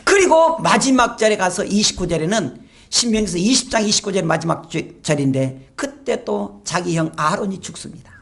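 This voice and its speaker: A woman pastor preaching a sermon, retelling the story with animated storytelling and rhetorical questions to the congregation. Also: mid-range voice, normal speed, gravelly.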